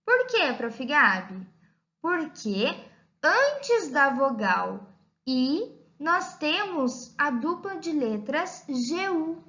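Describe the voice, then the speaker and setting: A woman with a Brazilian Portuguese accent, teaching a recorded lesson to young children in a slow, deliberate, sing-song teacher voice. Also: high voice, fairly bright tone. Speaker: primary school teacher. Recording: slightly dull lo-fi audio.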